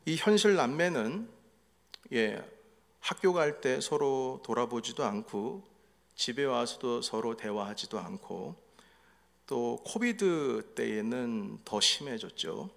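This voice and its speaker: Speaking slowly in a lively, medium-pitched voice that is creaky and a bit bright, a middle-aged man preaches as pastor. He tells family stories in his church sanctuary and acts out their quotes, with echoey hall reverb around him.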